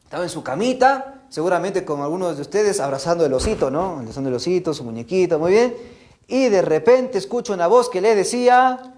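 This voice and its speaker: Animated man telling a children's story. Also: high-pitched, brisk. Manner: animated, often asks the children "right?". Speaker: catechist.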